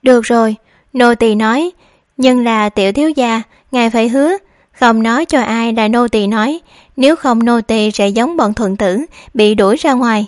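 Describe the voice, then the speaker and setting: A woman's voice: fairly high pitch, moderate pace, no room sound, clean studio sound, natural voice. A woman voicing a scheming young maidservant who feigns worry, speaking in a pleading, confiding way. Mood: worried pleading.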